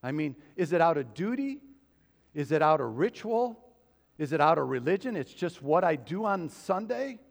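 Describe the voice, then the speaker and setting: Very animated and creaky-voiced, a pastor with a fairly high pitch preaches at a moderate pace, chatting informally with his congregation and frequently going off on asides. The sermon echoes with the long reverb of the church sanctuary.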